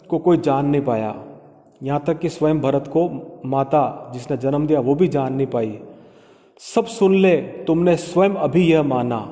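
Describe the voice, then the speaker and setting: A man's voice: on the high side, warm tone, big-room sound. A male literature lecturer explaining a poem to students, patiently paraphrasing each verse line in plain words.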